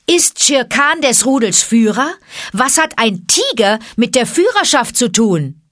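A woman's voice: fairly low pitch, a little slow, slightly rough, no echo, studio quality, heavily acted. A woman reading an audiobook, voicing a bold boy raised by wolves who calls out defiantly. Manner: defiant calling out, lively. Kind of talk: audiobook character voice.

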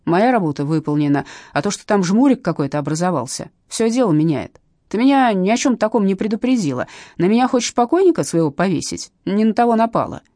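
A woman's voice: medium pitch, very animated, fast, warm tone, dry recording, clean studio sound, natural voice. A woman voicing a shifty, thin male crook who hisses crude threats in an audiobook. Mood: angry hissing. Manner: hissing, snarling threats.

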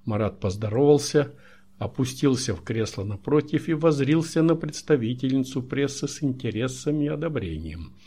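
A man narrating an audiobook in a measured, even storytelling manner. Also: mid-range voice, slightly rough. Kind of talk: scripted narration.

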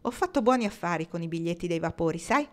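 A woman reading the part of a practical, shrewd businesswoman in an audiobook, speaking in a brisk, knowing and slightly sly way. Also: fairly low pitch, animated, lightly acted.

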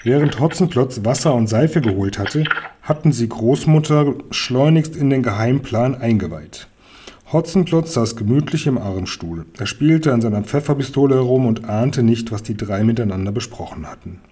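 A man reads a children's storybook aloud at a measured, even pace. His voice is husky and average in pitch. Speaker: audiobook reader. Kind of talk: storybook narration.

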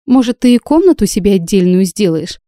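Audiobook casting: a woman as a prickly young heroine, sarcastic and indignant, warm mellow tone, dry sound. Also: mid-range voice, lively intonation, brisk, dry recording, close to an everyday voice.

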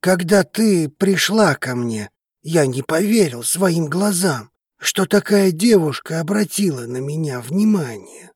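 A devoted male dragon lover with a low, husky voice that swings widely in tone, played by a woman narrator. He speaks slowly and softly, almost pleading, in a close, dry sound. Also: animated, no room sound, heavily acted. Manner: low, slow, hushed and pleading. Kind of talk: audiobook character reading.

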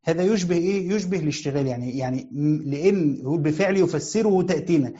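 A man's voice: fairly high pitch, fast, mellow, highs cut off. A man with an Egyptian Arabic accent giving a lecture on Quran commentary. He asks questions and then answers them himself, and he repeats the key phrases. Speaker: sheikh teaching Quran commentary. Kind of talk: explanatory lecture.

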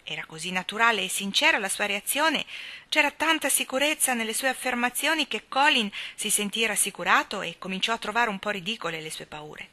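Bright-toned woman reading a novel aloud. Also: fairly high pitch, expressive, brisk. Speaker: audiobook reader.

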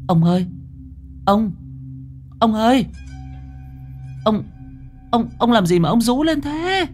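A man's voice: extremely high pitch, sing-song, slow pace, soft background music, pitched above the performer's own voice, exaggerated voice. A man voicing a frail, exhausted old village wife who calls out faintly and breathlessly. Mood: anxious.

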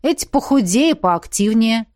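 A woman reading the lines of a young male adventurer, brisk and mocking. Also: a little high, expressive, darkish tone, no echo, clean studio sound. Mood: joking.

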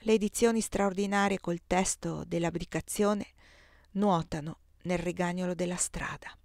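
A woman's voice: moderate pace, vocal fry, no echo, studio quality. A woman reading a novel aloud, lifting her voice and pushing harder for the quoted dialogue. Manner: expressive, voices dialogue with rising pitch and force. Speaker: audiobook reader.

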